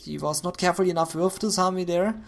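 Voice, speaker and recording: A man's voice: sits high, fast, creaky. Man casting a video game match. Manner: excited bursts at big plays. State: voice going hoarse. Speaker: esports caster. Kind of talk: solo game commentary.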